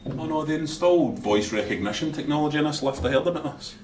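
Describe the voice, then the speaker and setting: An actor playing an exasperated Scottish man stuck in a voice-controlled lift, bickering and shouting. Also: a little high, expressive, quick pace, a little hiss or hum, lightly acted. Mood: frustrated. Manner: bickering, ends up shouting in rage. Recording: sitcom clip, roomy, audience laughter.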